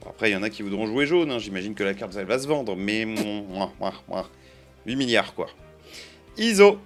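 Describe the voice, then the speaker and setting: A man's voice: on the low side, brisk, a bit bright, faint music behind. Playful man chatting over card openings. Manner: chatty and playful, counting out cards and joking to viewers. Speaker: card-opening video creator. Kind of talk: casual commentary while opening card boosters.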